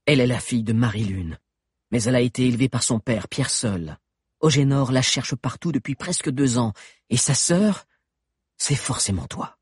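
Man doing an insistent teen boy, lively, husky, dry read. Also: medium pitch, normal speed, no room sound. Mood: urgent. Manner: earnest, insistent. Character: teenage boy, earnest and urgent.

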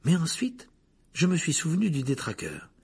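A man reading aloud and voicing an earnest, curious teenage schoolboy in a husky storybook voice. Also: fairly high pitch, wildly swooping pitch, normal speed, a little mellow, voice pushed up, exaggerated voice.

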